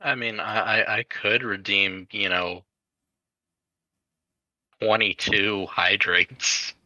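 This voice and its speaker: Slow, bright-voiced teasing man on voice chat. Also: on the low side, steady tone, no echo, dull audio. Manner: dry, teasing. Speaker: friend on voice chat. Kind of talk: casual gaming banter.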